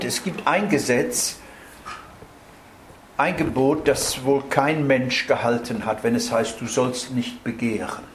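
A man's voice: medium pitch, noisy background. German-speaking man teaching Bible in a roomy hall. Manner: explanatory, adds tag questions "nicht?". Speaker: preacher. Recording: roomy hall with faint ambience.

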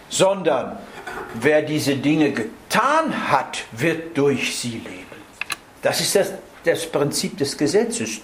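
A man's voice: fairly high pitch, slight background noise. A man giving a Bible teaching sermon in German, explaining verse by verse and checking in with his listeners. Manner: explanatory, adds tag questions "nicht?". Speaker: preacher. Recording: roomy hall with faint ambience.

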